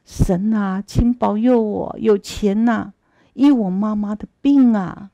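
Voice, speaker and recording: A woman voicing a weeping, devoted young son who begs in slow, drawn-out sobs. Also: medium pitch, dark tone, no echo. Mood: sobbing. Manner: sobbing, drawn-out pleading. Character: weeping filial young man begging for help.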